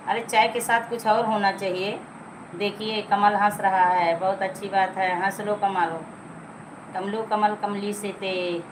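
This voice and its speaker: A woman's voice: medium pitch, noisy background. A middle-aged woman hosting a casual live stream, chatting with viewers, teasing them and coaxing them to like and comment. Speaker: livestream host.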